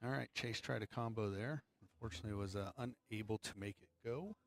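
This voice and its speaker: A man's voice: fairly low pitch, a little fast, vocal fry. A man hosting a live pool match stream, chatting casually with viewers between shots with joking asides. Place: pool hall.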